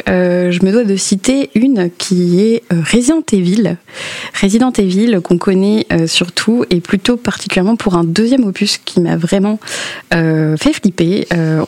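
A woman presenting a video game chronicle in an easy, chatty way, often pausing on filler sounds as she searches for words. Her voice sits at an ordinary middle pitch for a woman. The sound is dry and close, with no room echo. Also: a little mellow. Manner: hesitant, many fillers, laughs often. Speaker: columnist on video games. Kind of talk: radio-style chronicle, casual spoken.

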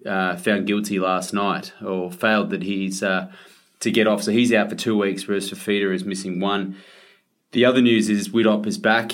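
Low-pitched Australian man hosting a podcast. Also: a bit bright. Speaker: podcast host. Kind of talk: casual sports podcast presenting.

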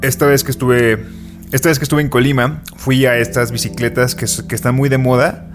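A man's voice: medium pitch, little pitch movement, fairly quick, over music. A man with a Mexican accent, co-hosting a podcast, telling a long story casually with slang and restarts. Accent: Mexican Spanish. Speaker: podcast co-host. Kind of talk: casual chat.

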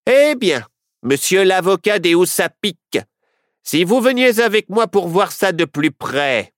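A man's voice: sits high, sing-song, a little slow, no room sound, clean studio sound, voice pushed up. A man voicing a stubborn, suspicious Wild West sheriff in a storybook reading, with a blunt, certain manner. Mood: gruff.

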